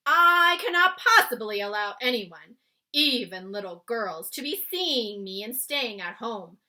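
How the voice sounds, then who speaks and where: Storybook giant played by a woman: friendly, excitable, blustering, forceful and unhurried, folksy muddled grammar. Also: fairly high pitch, exaggerated voice. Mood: agitated. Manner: garbled grammar, invented words, emphatic. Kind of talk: children's storybook read-aloud.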